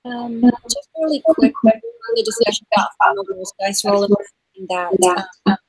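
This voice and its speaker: A woman talks hesitantly over a laptop video call, trailing off and searching for words. Her breathy voice sits dry and close, and the connection keeps glitching and cutting out. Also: medium pitch, animated, unhurried, a little mellow, no echo, poor audio. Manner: hesitant, many fillers, loses her train of thought. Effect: glitchy audio cutting out over a call. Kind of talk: casual chat on a video call. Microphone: laptop microphone.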